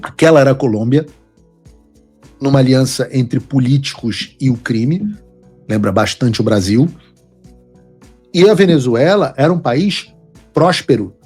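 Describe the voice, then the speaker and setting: A man's voice: mid-range voice, lively intonation, unhurried, pauses often, a little mellow, husky, faint music behind. A man hosting a political commentary show, talking in an emphatic, lecturing way.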